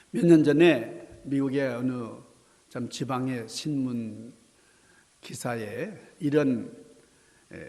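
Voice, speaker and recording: A middle-aged man preaching a sermon as a pastor, swinging from loud dramatic cries down to soft, near-whispered asides. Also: mid-range voice. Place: church sanctuary. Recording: long church reverb.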